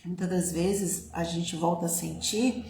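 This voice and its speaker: A woman with a Brazilian Portuguese accent speaks in a reflective, conversational way, often ending thoughts with tag questions. Her voice sits low and has a gravelly edge. The recording has a noticeably roomy echo. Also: fairly even intonation, unhurried, a little mellow, slight background noise. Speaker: speaker on self-knowledge. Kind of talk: reflective personal talk.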